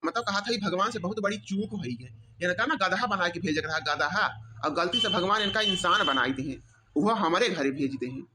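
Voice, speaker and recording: A performer voices a smug young husband in an Awadhi cartoon comedy, teasing, boasting and rambling in mockery with an Awadhi accent. The voice is medium-pitched, bright and forceful at a normal speed, close to an everyday voice, with slight background noise.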